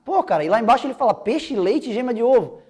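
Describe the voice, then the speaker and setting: A man's voice: very high voice, lively intonation, fast talker, darkish tone, husky. A young man with a Brazilian accent teaching an online exam-prep biology lesson in a casual, slangy, joking way. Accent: Brazilian Portuguese.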